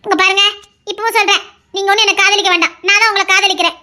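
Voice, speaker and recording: A woman's voice: very high voice, steady tone, very fast, sharp tone, full character voice. A woman voicing a stubborn, loving young wife in an audio drama, talking earnestly and insistently. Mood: devoted, pleading.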